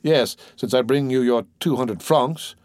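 A young man who is short-tempered and curt in every line, as read by an audiobook narrator. The voice stays close to the reader's own, at an even middle pitch. It is heard close and dry. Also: measured pace, no room sound, lightly acted. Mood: irritable. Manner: curt and irritable.

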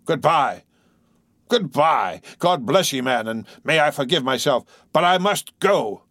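A man's voice: a little high, animated, unhurried, a bit bright, no room sound, clean studio sound, pitched above the performer's own voice. A man voicing a grim, cold old whaling captain who gives stern, clipped orders.

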